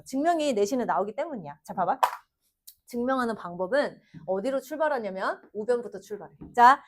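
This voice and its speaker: A woman math teacher giving a lively classroom lesson, constantly asking her students questions. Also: fairly high pitch. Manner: lively, addresses students directly with frequent questions.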